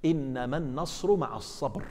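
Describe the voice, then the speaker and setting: A man's voice: medium pitch, lively intonation, a little fast, mellow. A man giving a colloquial Quran commentary lesson as an imam in a mosque, acting out dialogue and asking rhetorical questions. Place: mosque hall. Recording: reverberant mosque hall.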